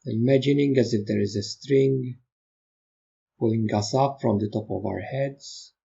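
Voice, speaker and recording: Speaking gently and at a very slow pace, this male meditation teacher gives short instructions separated by peaceful pauses. His voice sits at medium pitch and is dark, relaxed and faintly breathy. The recording has a slightly dull quality.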